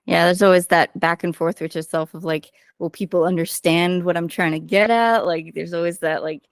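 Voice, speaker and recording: Chatty woman podcast host, low voice. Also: fairly even intonation, moderate pace, no echo, clean studio sound. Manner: chatty, uses many fillers. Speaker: podcast host and writing coach. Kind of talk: casual podcast interview.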